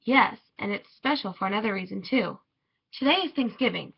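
A kind, welcoming woman explains things patiently, as the reader puts her on. The voice sounds husky and gravelly, and the storybook recording is dull. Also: medium pitch, expressive, fairly quick. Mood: explaining.

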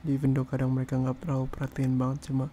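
A young man speaks in a whispered role-play, gentle and comforting, hushing as he soothes. His low-key voice is mellow and gravelly. He keeps an even, level tone throughout. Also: quick pace, a little hiss or hum. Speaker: ASMR performer.

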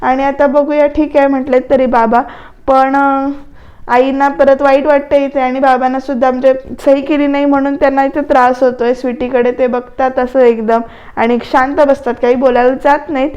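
High, even-toned woman recapping a serial. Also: normal speed, highs cut off. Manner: conversational retelling with asides to viewers. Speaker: serial review narrator.

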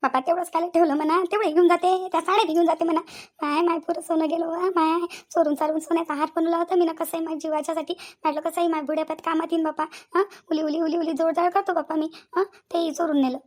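Woman as a fussy, whiny cartoon village aunt, high and rapid. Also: level tone, darkish tone. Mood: lamenting. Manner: fast, wailing, whiny complaining. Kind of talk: cartoon comedy voice acting.

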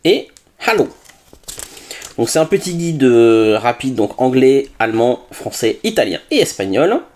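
A tech reviewer unboxes a product in a chatty way, sprinkling in frequent "hop"s and little hesitations. His voice is medium-pitched and a little mellow, with a sing-song lilt and a moderate pace.

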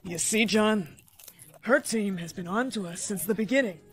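A man's voice: high voice, moderate pace, fairly bright tone. An actor playing a cruel male crime boss who is menacing and mocking.

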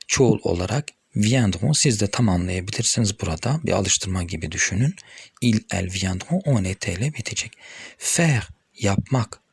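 Low, husky Turkish-accented male teacher. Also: no echo, studio quality. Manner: patient, addresses viewers as friends, reads conjugations slowly. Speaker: French teacher. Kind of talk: explaining grammar to viewers.

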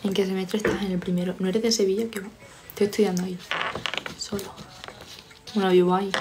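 A woman's voice: medium pitch, flat delivery, fast, background noise. A young woman from Spain chatting on a live stream from home, teasing viewers and reading their comments aloud. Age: young adult. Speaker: livestreamer. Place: home, studying.

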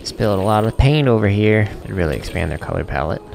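Male game streamer, unimpressed deadpan, deep creaky voice, game noise behind. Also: fast. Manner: deadpan, unimpressed, dryly joking. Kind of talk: casual live gameplay commentary. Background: video game sounds.

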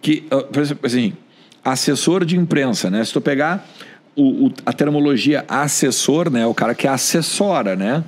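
A man's voice: medium pitch, normal speed, breathy edge. A man with a Gaúcho Brazilian accent, a sports journalist telling stories casually on a podcast and acting out the voices of the people he quotes. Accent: Gaúcho Brazilian Portuguese. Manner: animated, acts out quoted voices.

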